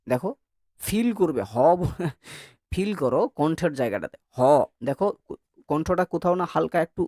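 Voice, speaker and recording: A man's voice: on the high side, expressive, moderate pace, a little mellow, no room sound, studio quality. A male teacher giving a classroom lecture who coaxes his students to answer and demonstrates sounds by repeating them.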